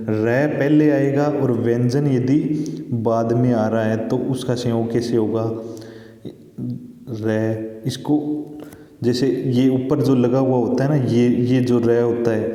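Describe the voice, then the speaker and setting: A man teaches a school grammar lesson in a patient, explanatory way, repeating points and checking in with his class. His voice is very dark and mellow. The sound rings around a roomy hall with a long reverb tail. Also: mid-range voice. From India. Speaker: Hindi teacher. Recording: echoey room with long reverb.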